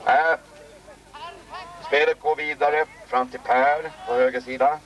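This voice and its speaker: A man giving live play-by-play commentary on a local football match outdoors, excitedly calling out player names. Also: a little high, distant mic, dull audio.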